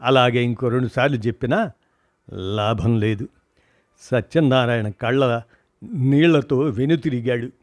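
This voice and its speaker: A man narrating a short story in a measured, expressive reading voice. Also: mid-range voice, no room sound, clean studio sound.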